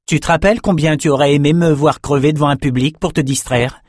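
A man's voice: fairly high pitch, steady tone, fast talker, dry recording, studio quality, pitched above the performer's own voice, lightly acted. A man voicing a defiant young male swordsman held prisoner, speaking firmly and urgently in an audiobook. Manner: firm, urgent. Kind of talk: audiobook character reading.

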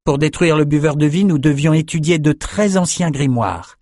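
A man's voice: on the high side, moderate pace, mellow, dry recording, clean studio sound, pitched above the performer's own voice, close to an everyday voice. A man voicing an earnest young male swordsman in an audiobook. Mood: eager.

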